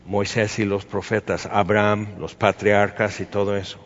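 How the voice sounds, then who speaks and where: Chatty Mexican preacher in a reverberant hall. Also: male voice, lowish voice, level tone, normal speed, highs cut off. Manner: casual, chatty, with asides and rhetorical questions. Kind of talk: conversational Bible teaching.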